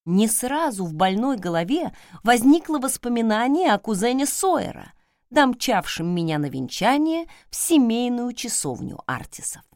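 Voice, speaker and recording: Lively woman narrating a story, dry close sound. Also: fairly high pitch, moderate pace, no room sound. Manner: lively storytelling, voices the characters' lines. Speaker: audiobook narrator. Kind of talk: first-person audiobook narration with acted dialogue.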